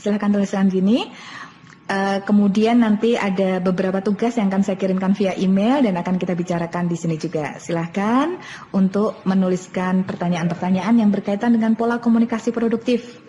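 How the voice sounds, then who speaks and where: A woman leads an online lesson for parents in an even, mid-pitched voice. She explains step by step and repeats her key points. Her voice trails off in a long reverb over faint background noise. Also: a little fast, lo-fi sound. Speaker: parenting webinar presenter. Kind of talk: online lecture. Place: online webinar.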